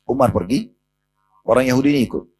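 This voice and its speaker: A man's voice: medium pitch, fast talker, a little mellow, soft background music. A man preaching a sermon to a mosque congregation, emphatic and addressing his listeners directly. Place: mosque hall.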